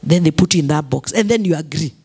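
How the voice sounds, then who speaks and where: A woman's voice: low-pitched, expressive, fast, mellow, husky. A Kenyan woman pastor preaching a sermon, repeating key phrases, mixing English with Swahili and calling for responses from the congregation.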